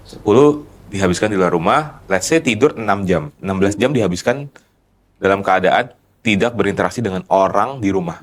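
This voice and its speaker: A man of thirty with a deep, low-pitched voice, chatting casually as a podcast guest. He explains his ideas methodically, building each point step by step. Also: fairly quick. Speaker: guest, company founder.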